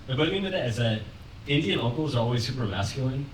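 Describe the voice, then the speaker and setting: A young man delivers a stand-up set in a loose, deadpan, conversational way, laughing lightly at his own jokes. His voice sits in the middle of the male range and sounds roomy, as if the mic is a fair way off on a club stage. A noisy audience fills the space behind him. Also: mid-range voice, fast talker, recorded from a distance. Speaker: stand-up comedian.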